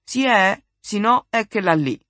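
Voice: medium pitch, expressive, unhurried, fairly bright tone, no room sound, pitched above the performer's own voice. A reader voicing Zambuia, a surly young Roman dog seller with a Roman accent, in an audiobook reading, answering in a grudging, curt way.

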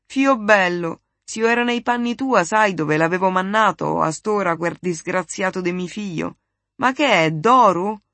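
A reader voicing sora Adele, a loud, plump, fussy Roman matron with a Roman accent, in an audiobook reading, talking in a shrill, scolding, gossipy way. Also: measured pace, dry recording.

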